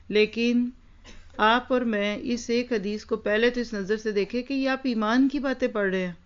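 Woman giving a storytelling religious talk. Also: medium pitch. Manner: storytelling with rhetorical questions to listeners; mixes English words into Urdu. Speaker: religious teacher. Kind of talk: Islamic lecture to an audience. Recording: dull lo-fi recording.

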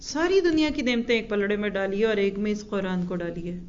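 A woman teaching a religious lesson. She asks her listeners rhetorical questions and recites Arabic verses slowly. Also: medium pitch, muffled recording, a little hiss or hum. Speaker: Quran teacher.

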